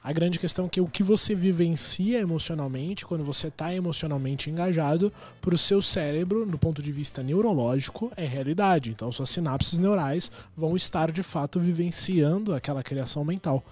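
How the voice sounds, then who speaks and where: A man's voice: on the high side, brisk, hardly any pauses. A man, a hypnotherapist guest, explaining his work in an explanatory way full of technical terms.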